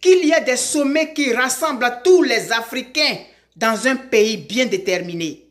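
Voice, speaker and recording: A woman's voice: a little high, expressive, measured pace. A middle-aged woman from Ivory Coast making an emphatic direct-to-camera appeal, repeating her calls for emphasis. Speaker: vlogger.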